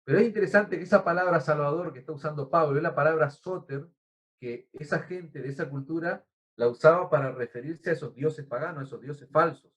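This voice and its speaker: Speaking a little fast in a voice on the high side, an Argentine-accented man delivers a sermon as pastor. He teaches earnestly, spelling out and explaining words, and keeps calling the congregation brother.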